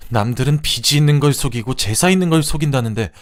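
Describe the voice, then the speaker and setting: A man voicing a furious, betrayed young wife who shouts shrill accusations. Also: fast talker, no echo, studio quality, lightly acted. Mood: outraged.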